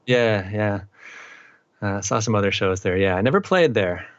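In a casual interview, a middle-aged musician from eastern Massachusetts talks at normal speed in a lowish voice. He rambles in a relaxed way with many fillers, and the audio sounds dull.

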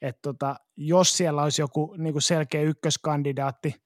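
Higher-voiced man, dry close sound. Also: steady tone, no room sound. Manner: stammering restarts, blunt. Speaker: podcast co-host. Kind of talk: casual sports chat.

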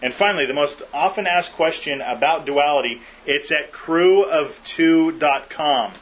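A man's voice: a little high, unhurried. A man hosting a podcast in casual chat, joking and rambling with fillers. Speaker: podcast host. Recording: muffled lo-fi with faint hiss.

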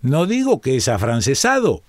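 A man's voice: medium pitch, wildly swooping pitch, moderate pace, no echo, studio quality, voice pushed up. A man reading aloud and voicing cruel armed soldiers who bark scornful orders. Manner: barking, scornful commands.

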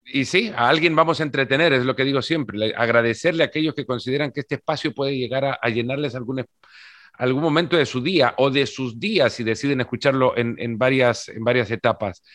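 A man's voice: mid-range voice, a little fast, fairly bright tone, no echo. A man hosting a podcast interview who opens with a scripted introduction and then chats casually, often restarting his phrases. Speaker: podcast host.

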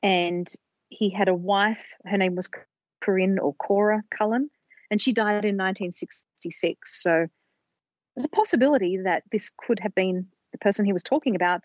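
On a dull, lo-fi, dry recording with no room sound, a woman speaks in a mid-range voice at normal speed. Co-hosting a podcast, she takes listeners through her research carefully and casually, restarting bits here and there.

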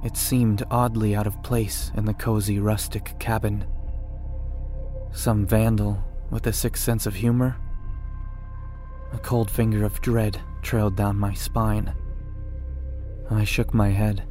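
A man giving a measured first-person scripted horror narration. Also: fairly low pitch, level tone, dark tone, soft background music.

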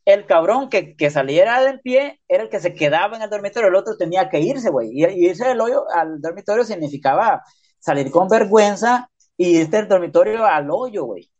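A man rattles off a story at a quick clip, packed with slang and punchy sound effects. The sound is a little dull and lo-fi. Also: high voice, lively intonation, a little mellow. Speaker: podcast guest, prisoner. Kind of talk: casual storytelling interview.

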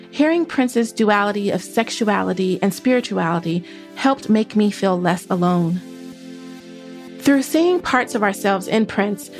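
Female podcast host: mid-pitched narration with vocal fry, dry studio sound. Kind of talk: scripted podcast narration, some conversational interview.

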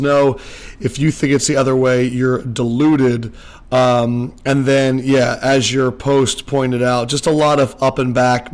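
A man hosting a sports podcast, recorded under a blanket, talking in a chatty, joking way and a little nervous about his sound. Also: mid-range voice. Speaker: podcast host. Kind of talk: casual sports podcast chat. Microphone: home microphone under a blanket.

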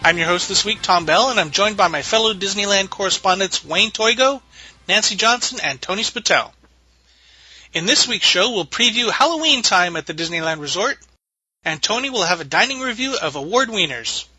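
A man's voice: sits high, expressive, moderate pace, bright, forceful tone, low-quality recording. A man hosting a roundtable podcast in a casual, chatty style. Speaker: podcast host.

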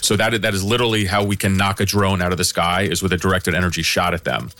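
A man's voice: sits low, steady tone, fast, pushed and bright, slight background noise. A man explaining conversationally as an expert in an interview. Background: music.

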